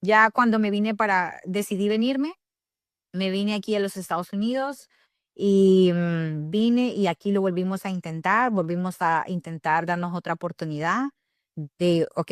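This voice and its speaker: A woman's voice: on the low side, moderate pace, no echo, clean studio sound. A young woman from El Salvador with a Salvadoran Spanish accent, a podcast guest telling her own story candidly with many fillers and self-corrections. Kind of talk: personal storytelling in an interview.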